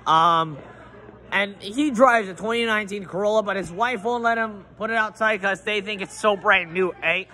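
A man's voice: high-pitched, normal speed, bright, forceful tone. A teenage boy vlogging with a phone at arm's length in an outdoor school walkway, rambling playfully in a mock-grumpy improvised role. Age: teens. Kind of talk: goofy improvised role-play. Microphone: phone held at arm's length.

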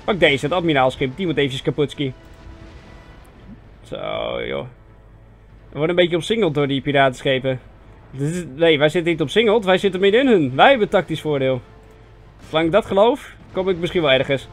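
A young Dutch man giving casual, self-mocking commentary on a strategy game, chatty with sudden excited yelps. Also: on the high side, a little fast, pauses often. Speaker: gaming video host. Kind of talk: casual let's-play commentary. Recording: faint game music behind voice.

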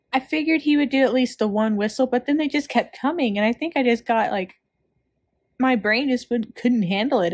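A woman's voice: fairly high pitch, darkish tone. A woman hosting a music reaction video, talking casually and effusively, rambling with fillers and restarts. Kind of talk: casual reaction chat to camera.

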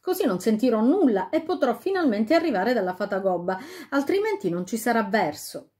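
A woman's voice: on the high side, very animated, brisk, darkish tone, pitched above the performer's own voice. A woman voicing a cunning, determined fairy-tale queen giving orders.

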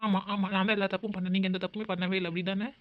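Cartoon role: a woman playing a curt, sarcastic young boyfriend, rattling lines off very fast on dull lo-fi audio. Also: mid-range voice, little pitch movement, close to an everyday voice. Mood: bitter. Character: young man, cold and bitter boyfriend. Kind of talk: cartoon voice acting.

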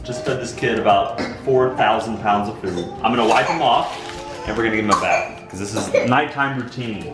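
A man's voice: lowish voice, fairly quick, over music. An American man in his thirties chatting casually to camera as a family vlogger, slangy and playful, in echoey noisy surroundings. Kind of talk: casual vlog chat to camera. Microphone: handheld camera. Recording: echoey rooms with loud background noise.

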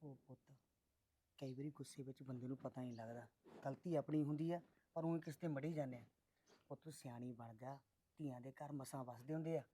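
A man's voice: mid-range voice, a little fast, mellow, slight background noise, lightly acted. An actor playing a patient middle-aged father who soothes and coaxes his married daughter to stay with her in-laws. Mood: coaxing. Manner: soothing, coaxing.

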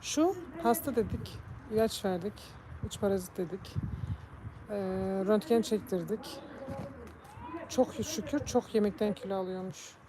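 A woman from Turkey chatting casually on a live stream, talking about and calling to her cats. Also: mid-range voice. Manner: chatty, coos and calls to her cats in a raised voice.

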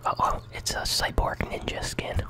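A gaming channel host giving whispered ASMR commentary on a game. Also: normal speed.

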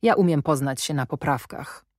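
A brusque, commanding gentleman, as a woman reads him aloud for an audiobook, questioning sharply and with dry irony. The voice sits low and is heard close and dry, with no room sound. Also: moderate pace, dry recording, natural voice. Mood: sardonic. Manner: imperious, probing, sardonic. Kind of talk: audiobook reading.

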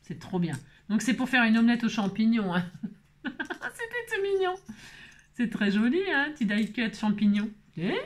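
A woman chatting casually while opening her mail, exclaiming at each item and now and then dropping into high baby talk to her pet. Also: brisk, hardly any pauses. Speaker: craft vlogger opening mail. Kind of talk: casual chat unboxing mail. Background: paper crinkling and clicks.

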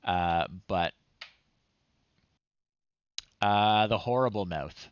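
Speaking very slowly in a somewhat low, clean voice, this thirtysomething streamer commentates a game casually for his retro game show, reading the screen text aloud with playful, amused remarks. He broadcasts from a small home room, and the close-up recording sounds dry and slightly dull.

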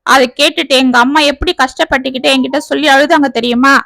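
A woman putting on a jobless young graduate from a storybook, defensive and pleading. The voice stays bright and high, recorded dry and close. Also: steady tone, fast, creaky, dry recording, heavily acted. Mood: hurt. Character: idle young man, educated and jobless, defensive. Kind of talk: storybook reading.

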